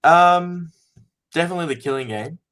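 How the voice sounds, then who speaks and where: A man's voice: a little high, normal speed, fairly bright tone. A man, a fan filmmaker being interviewed, talking casually and thoughtfully with many ums.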